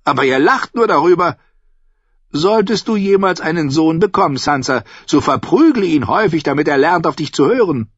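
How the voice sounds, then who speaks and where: A man voicing a sharp-tongued old noblewoman who mocks everyone bluntly and chattily. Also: on the high side, animated, moderate pace, breathy edge, no room sound, pitched above the performer's own voice. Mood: tart mocking. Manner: cutting, scornful, chatty. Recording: dull, dry audiobook recording.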